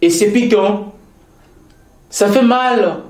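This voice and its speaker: A high, darkish male voice takes its time as this Congolese interviewee from Kasaï-Central discusses provincial politics. With a Congolese French accent, he is formal and earnest, hesitating and repeating key phrases, and the recording has an echo from the room.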